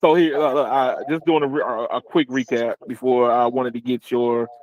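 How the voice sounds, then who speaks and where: A man hosting a casual tech podcast, rambling with restarts and quick laughs. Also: medium pitch, fairly even intonation, darkish tone, dry recording, lo-fi sound. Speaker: podcast host.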